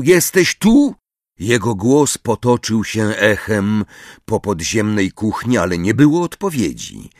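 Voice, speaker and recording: A man reading a fantasy novel aloud as an expressive audiobook narrator. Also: on the low side, dry recording, clean studio sound. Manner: expressive storytelling. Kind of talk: scripted narration.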